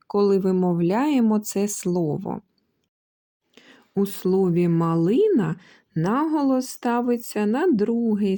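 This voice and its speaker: A woman teacher speaks slowly and gently in a warm, mellow voice. She pronounces every syllable with care for small children and now and then calls out a word, stretching it long. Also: mid-range voice. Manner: drawn-out syllables and calling out words to show stress. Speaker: kindergarten teacher. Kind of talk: slow, carefully articulated lesson for young children. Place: kindergarten lesson recording.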